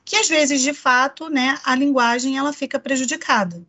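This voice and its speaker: Brazilian woman lecturing, slightly high voice. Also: steady tone, moderate pace, bright, forceful tone. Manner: explanatory, frequent tag questions "né". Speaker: psychoanalysis lecturer. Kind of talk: online lecture.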